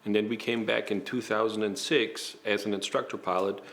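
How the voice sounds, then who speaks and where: A man in his forties with a German accent, telling his story in a documentary interview, measured and pausing with fillers. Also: on the low side, fairly even intonation, gravelly, a bit bright. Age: 40s. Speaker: pilot and flight school owner.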